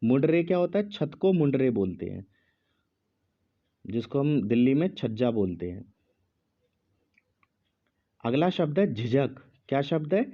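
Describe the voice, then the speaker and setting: Slow, deliberate male teacher. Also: medium pitch, sing-song, muffled recording. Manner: speaks slowly with pauses, repeats each word. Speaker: Hindi teacher. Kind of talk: slow dictation lesson.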